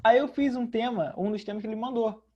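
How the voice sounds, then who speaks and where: A male student, telling a story in a relaxed, casual way. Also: very high voice, fast, muffled recording. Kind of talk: casual chat.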